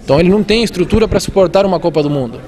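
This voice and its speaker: Earnest high-voiced man, interview guest. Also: lively intonation, racing, warm tone. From Argentina. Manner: earnest, explanatory, with many restarts and fillers. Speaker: civic watchdog representative. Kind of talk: interview answers.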